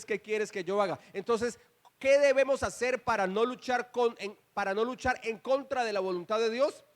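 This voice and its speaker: A male pastor preaching a sermon in church, firing rhetorical questions at the congregation and calling on them to repeat after him. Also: high voice. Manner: emphatic, calls for response and repetition.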